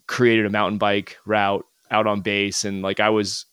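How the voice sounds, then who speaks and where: A man's voice: fairly low pitch, monotone, measured pace, fairly bright tone, clean tone, no echo, clean studio sound. An American man talking as a podcast guest, telling stories in a rambling way with many restarts and "like" fillers. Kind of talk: casual interview chat.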